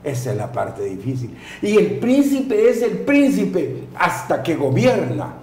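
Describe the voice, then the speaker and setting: Lively, mellow man lecturing. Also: on the high side, unhurried, reverberant. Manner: professorial, explaining, tag questions. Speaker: political analyst. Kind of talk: studio political discussion.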